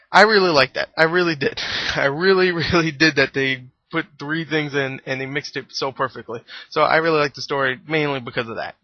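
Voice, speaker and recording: A man's voice: on the high side, dry recording. A man giving a casual, rambling movie review, chuckling and restarting his sentences as he goes. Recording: dull lo-fi dry recording.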